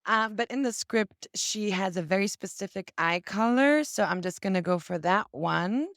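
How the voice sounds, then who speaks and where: Talking at a normal speed, a woman with a mid-range, fairly bright voice guides viewers through a casting database during a video call where she's a guest. She chats casually and acts out an example search to illustrate. The sound is studio quality, with no room sound.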